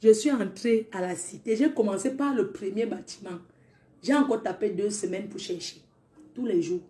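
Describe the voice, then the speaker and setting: A woman casually telling a personal story, animated and speaking directly to her listeners. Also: mid-range voice, moderate pace. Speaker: storyteller vlogger. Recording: echoey room.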